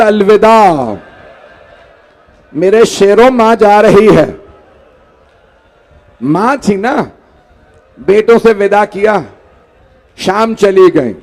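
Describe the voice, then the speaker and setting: A man's voice: sits high, a little mellow. A man preaching a mourning sermon, pleading with his listeners and rising into a wailing lament. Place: large hall.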